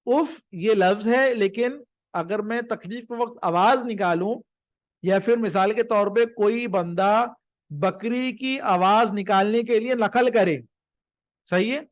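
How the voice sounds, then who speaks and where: A man with a fairly high voice teaching a live grammar lesson. He explains patiently, drawing out definitions word by word and checking that his listeners follow. The sound is dry and close. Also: no echo. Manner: slows to stress each word of definitions.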